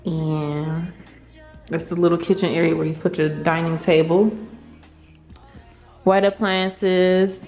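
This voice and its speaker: A woman talks casually to her viewers as she walks through an empty, unfurnished apartment. Her voice sits a little low, and she speaks at an unhurried pace. Every word rings out with a big hall echo off bare walls, and faint music plays underneath. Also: level tone, darkish tone. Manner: chatty, informal, talks to viewers as "y'all". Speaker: vlogger.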